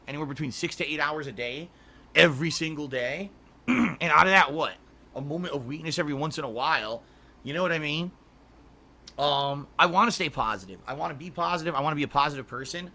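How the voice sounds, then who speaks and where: A middle-aged man chatting casually on a livestream, reading viewer messages, rambling with frequent restarts and throat clearing. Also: fairly high pitch, bright, forceful tone. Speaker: streamer.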